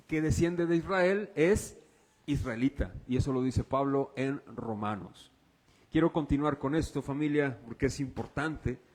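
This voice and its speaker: A man with a Mexican accent preaching a sermon as pastor. He asks the congregation rhetorical questions and swings between loud, raised passages and quiet, low ones.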